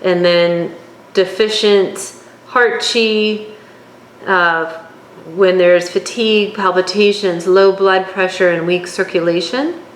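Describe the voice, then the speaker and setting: Slow-speaking woman lecturing from notes. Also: on the low side. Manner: reads from notes, unhurried, occasional fillers. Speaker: instructor. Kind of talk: lecture on herbal oils. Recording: echoey room, faint background hum.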